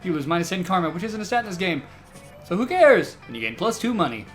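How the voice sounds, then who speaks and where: A man's voice: high-pitched, very animated, quick pace, fairly bright tone. Man narrating a comedic game over faint music.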